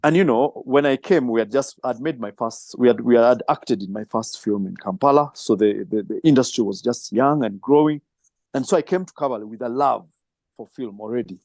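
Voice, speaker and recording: A middle-aged man answering interview questions, reflective and storytelling, with soft laughs. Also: mid-range voice, brisk, dry recording. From Kenya. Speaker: filmmaker and film trainer.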